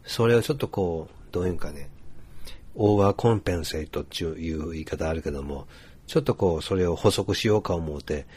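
A man speaking with a Hiroshima dialect in a relaxed, rambling casual monologue, full of fillers. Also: deep voice, fairly quick, slightly rough.

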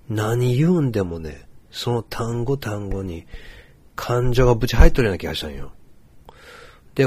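A man speaking with a Hiroshima dialect in a relaxed, rambling casual monologue, full of fillers. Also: on the low side, breathy edge.

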